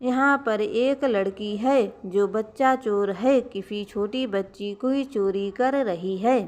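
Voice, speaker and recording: A woman's voice: medium pitch, natural voice. A woman voicing an angry young man who accuses a stranger in a storybook tale. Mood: urgent. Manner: stern, accusing, commanding.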